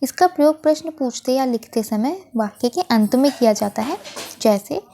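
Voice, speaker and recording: A woman's voice: high-pitched, lively intonation, warm tone. A woman teacher, patiently explaining a worksheet lesson to children and correcting herself as she goes. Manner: patient, explains slowly, frequent self-corrections.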